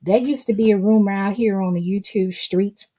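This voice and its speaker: A woman's voice: mid-range voice, steady tone, moderate pace, mellow. A middle-aged woman hosting a casual live stream, reading viewers' chat aloud and calling them baby and honey. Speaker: livestream host reading chat.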